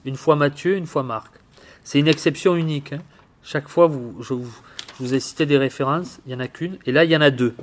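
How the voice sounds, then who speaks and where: Halting man teaching from the Bible. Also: fairly high pitch. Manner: halting, repeats words, tags phrases with "hein"; addresses listeners directly with questions. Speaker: preacher.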